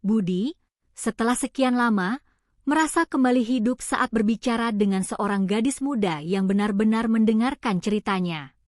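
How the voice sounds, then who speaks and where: A woman reading a scripted story in a calm, steady storytelling voice. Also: on the high side, no room sound, clean studio sound. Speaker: narrator.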